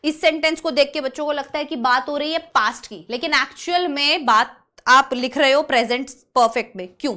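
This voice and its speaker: A young woman teaching grammar with a high, bright voice that carries. She is lively, stops often to ask if the class is following, and slows right down when she reads the English example sentences. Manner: explains English examples in Hindi, checks understanding often. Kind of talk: energetic classroom lesson.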